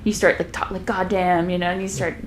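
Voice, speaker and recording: Young woman podcast guest, lowish voice, rambling and laugh-prone. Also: flat delivery, quick pace, slight background noise. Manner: rambling, many fillers and restarts, laughs often. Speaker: podcast guest, violist and comedian. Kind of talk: casual interview chat.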